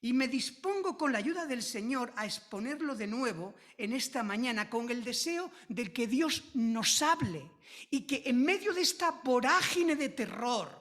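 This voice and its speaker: A woman from preaching a sermon, slow and emphatic, repeating key phrases with drawn-out stress. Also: a little high, lively intonation, fairly bright tone.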